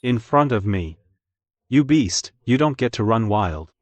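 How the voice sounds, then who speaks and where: A man's voice: medium pitch, animated, a little slow, dry recording, lightly acted. A man voicing a cold, commanding, menacing young ruler in a dramatic English drama dub. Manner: imperious, menacing, declarative.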